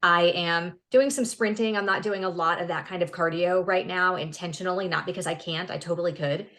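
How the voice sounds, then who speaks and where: A woman's voice: on the low side, fairly even intonation, a little fast, fairly bright tone. A woman in her fifties, a podcast guest, talking earnestly and upbeat in a casual interview, often restarting words. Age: 50s.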